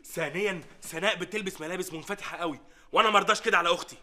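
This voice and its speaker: Sitcom brother, pushy and cheeky, high voice, rapid-fire. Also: male voice, bright, forceful tone. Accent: Egyptian. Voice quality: bold, demanding, quick to sulk. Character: brash cheeky man claiming to be a long-lost brother. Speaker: actor in sitcom. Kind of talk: sitcom acting.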